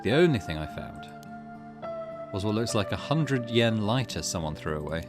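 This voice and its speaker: Game music backs this gaming channel host as he plays through a let's play, talking casually, thinking out loud, and reading game text aloud. His pitch is fairly low, his delivery sing-song, his pace moderate.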